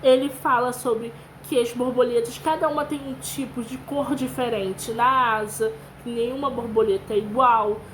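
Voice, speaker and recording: Reading aloud to young children, a woman with a Brazilian Portuguese accent sounds out syllables with patience. Her fairly high, somewhat bright voice keeps fairly even intonation at a moderate pace, and the rough recording has a little hiss or hum.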